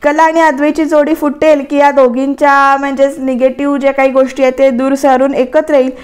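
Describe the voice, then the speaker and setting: A woman's voice: high-pitched, level tone, brisk, darkish tone. A woman doing a voice-over review, chattily retelling a TV serial episode and talking straight to her viewers. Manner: chatty, addresses viewers directly.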